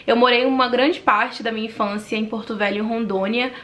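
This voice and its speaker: A woman's voice: a little high, a little fast. A woman in her twenties from Manaus with a Brazilian accent, telling her life story in a talkative, friendly vlog. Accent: Brazilian Portuguese from Manaus. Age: 20s. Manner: talkative and animated. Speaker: vlogger.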